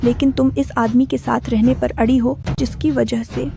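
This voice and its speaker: A woman's voice: fairly high pitch, flat delivery, normal speed, creaky. A woman dubbing a greedy, selfish old grandmother who gambles, in a whiny, pleading way. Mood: scolding. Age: older. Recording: dubbed dialogue over loud music.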